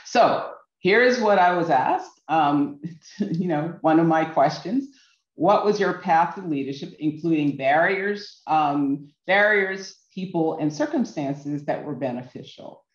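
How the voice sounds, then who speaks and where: Middle-aged woman from Barbados, earnest workshop presenter, some ums; roomy, dull video-call sound. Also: low voice. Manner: earnest, measured, with frequent ums and restarts. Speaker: workshop speaker.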